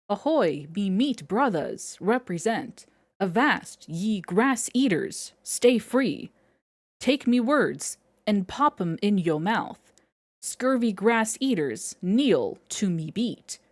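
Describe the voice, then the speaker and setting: A woman's voice: on the low side, slightly rough. A woman doing a swaggering pirate rapper man. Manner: slow drawled pirate talk with "arr" and "be". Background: game music.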